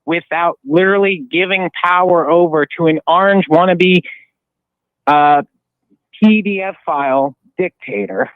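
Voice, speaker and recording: A man's voice: sits high, unhurried, no room sound. Man ranting over a tinny phone line. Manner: rambling, heated, jumps between thoughts. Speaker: caller. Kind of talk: call-in radio rant.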